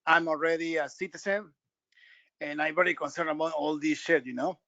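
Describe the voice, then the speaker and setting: A man's voice: a little high, steady tone, pushed and bright, dry recording, highs cut off. Eager Peruvian-born man calling in. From Peru. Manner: eager, halting, many fillers. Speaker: caller.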